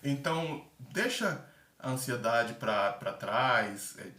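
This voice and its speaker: A man's voice: medium pitch, lively intonation, slow, pushed and bright. A man giving casual, chatty tips about a theater aptitude test, acting out little examples as he goes. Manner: chatty, full of fillers, acts out examples. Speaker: former theater-course candidate giving tips. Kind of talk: casual advice vlog. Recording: echoey room, mic at a distance.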